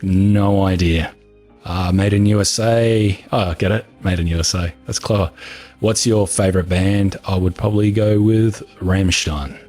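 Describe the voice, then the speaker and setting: Over soft background music, a calm, low-voiced man from New Zealand chats through viewer questions as a gaming video creator. His soothing delivery is relaxed, unhurried and matter-of-fact, and more than an hour of talking has left him hoarse.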